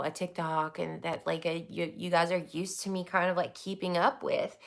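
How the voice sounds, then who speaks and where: Young woman, lowish voice, loose rambling vlog chat with casual swearing. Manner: rambling, swears freely, laughs often. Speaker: YouTuber.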